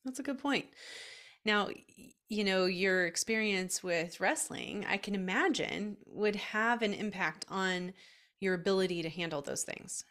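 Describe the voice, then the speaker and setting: A woman hosting a casual interview, asking slow, encouraging questions. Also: mid-range voice, a bit bright. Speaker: interview host.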